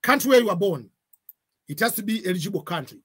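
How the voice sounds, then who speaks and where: Man, 40s, webcam tutorial, husky voice, patient repeating explainer. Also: sits high, animated, fast, fairly bright tone. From Tanzania. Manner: repeats points, gives examples, cautionary tone. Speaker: online tutor. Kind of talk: screen-share tutorial.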